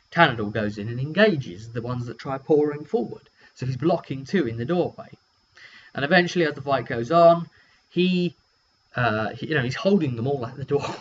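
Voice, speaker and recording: Slightly bright and mid-range, this man's voice carries a relaxed, meandering account of a tabletop game he ran, with dry humor and little acted-out lines. The recording is lo-fi and dull, with a hum underneath.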